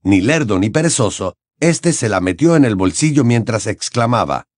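A man narrating an audiobook in an expressive, dramatic storytelling manner. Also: lowish voice, moderate pace, dry recording, clean studio sound. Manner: dramatic, varied storytelling delivery.

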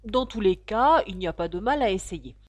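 A woman's voice: mid-range voice, expressive, normal speed, no echo, close to an everyday voice. A woman voicing a polite, chatty young girl in a storybook reading, talking earnestly in a rush.

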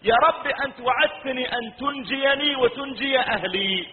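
A man's voice: very high voice, fairly quick, voice pushed up. A man preaching voices a grieving elderly prophet who pleads earnestly for his drowned son, heard through a tinny recording in a reverberant hall. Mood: pleading.

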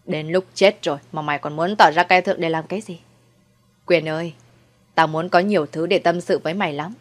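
A woman's voice: deep voice, fairly even intonation, a little fast, lightly acted. A woman voicing a scheming, cruel old mother-in-law in a storybook reading, coldly mocking. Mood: contemptuous. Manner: mocking, sweetly cold then shrieking.

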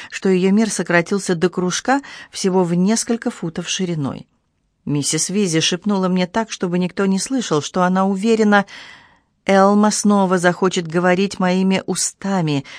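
A woman's voice: fairly low pitch, normal speed, a little mellow, no echo. Woman reading a novel aloud, dry sound. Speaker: audiobook reader. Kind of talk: scripted narration.

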